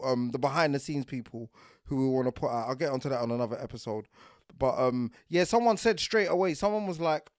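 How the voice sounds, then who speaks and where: A man hosting a podcast, talking in an animated, insistent monologue and often checking that the listener follows him. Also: fairly high pitch, no echo, clean studio sound. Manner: animated and insistent, keeps asking "do you get what I'm saying". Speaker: podcast host.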